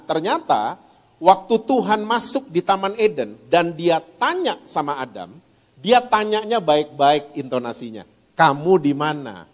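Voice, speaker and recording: A male pastor preaching a sermon in a church, lively and questioning the congregation. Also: sits high. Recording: reverberant church hall.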